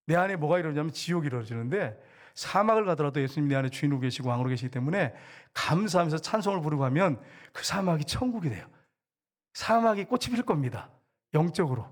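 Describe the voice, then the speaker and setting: Middle-aged male pastor, high voice, quick delivery, chatty and animated sermon style. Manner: lively, conversational preaching with acted-out quotes.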